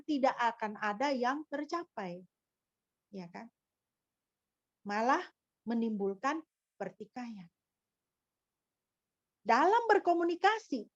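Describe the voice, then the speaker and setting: A woman's voice: very high-pitched, no room sound, dull audio. A woman pastor delivering a sermon in a teaching manner, often asking rhetorical questions of the congregation. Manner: didactic, with frequent rhetorical questions.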